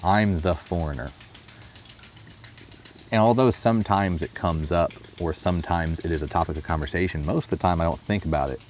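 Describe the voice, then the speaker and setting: Soft music sits faintly behind this American vlogger as he thinks out loud in a very deep, low voice. His pace is slow and reflective, and he keeps stopping to slip in "you know."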